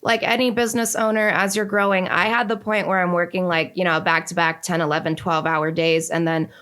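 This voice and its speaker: A woman's voice: lowish voice, fairly quick. Chatty young woman, filler-heavy casual talk. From Northeastern United States. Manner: chatty, many fillers and "like"s, lively and candid. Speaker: podcast guest. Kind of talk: casual conversation.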